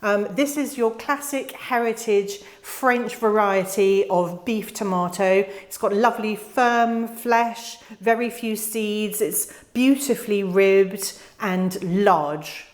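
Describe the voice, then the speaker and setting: A young British woman from the United Kingdom hosts her own gardening channel, explaining tomato varieties in a casual instructional voice-over. She speaks slowly with a medium pitch, barely pausing. Her tone is friendly and chatty, with the odd filler.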